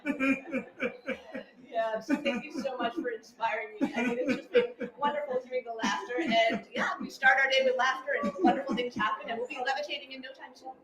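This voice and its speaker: A woman's voice: sits high, fairly even intonation, brisk. A bubbly woman leading a live laughter meditation session, often laughing as she talks to the group. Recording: echoey room with a live crowd.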